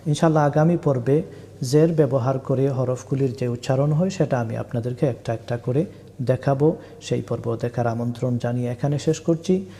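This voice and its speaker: A man's voice: medium pitch, moderate pace, mellow. A man teaching Arabic letter sounds for Quran reading in a recorded lesson, speaking patiently and drawing out the spelled syllables. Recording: long hall reverb.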